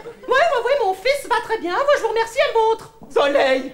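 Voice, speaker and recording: A performer playing a fussy, gossiping middle-aged housewife, catty and melodramatic, in a one-person stage comedy. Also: big pitch swings. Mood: snide. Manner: shrill, catty, melodramatic, fast-switching asides.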